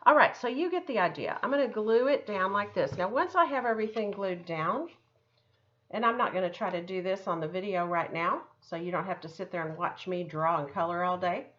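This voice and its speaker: Through dull-sounding audio, a woman's mid-range, fairly bright voice moves along fairly quickly. She is an art teacher demonstrating a craft for children, guiding them step by step in a casual, chatty, encouraging manner.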